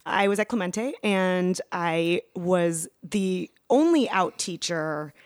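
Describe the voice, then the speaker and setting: A middle-aged woman speaks in a slightly low register, thoughtful and conversational, peppering her points with "you know" and "right?" as a guest in a relaxed interview. Her voice sits close and dry, with no room echo. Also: takes it slowly, clean tone. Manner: reflective, frequent "you know" and "right?" asides. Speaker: guest, activist and former teacher.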